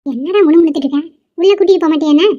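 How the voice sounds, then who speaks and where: A woman's voice: high-pitched, very fast, warm tone, close to an everyday voice. A woman voicing a bossy, demanding grandmother in a dubbed cartoon, speaking in a scolding, teasing way. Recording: dull lo-fi recording.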